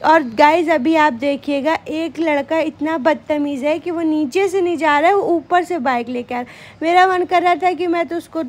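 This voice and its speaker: A woman's voice: high voice, normal speed. A young woman narrating a family outing vlog in a chatty way, talking straight to her viewers. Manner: chatty, addresses viewers as guys. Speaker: vlogger.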